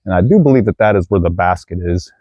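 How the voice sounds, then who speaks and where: A man's voice: low-pitched, expressive, fast talker, dry recording, lo-fi sound. Breathless man narrating a disc golf round. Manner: chatty, addresses viewers as guys. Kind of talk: casual play-by-play narration. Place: outdoor wooded disc golf course.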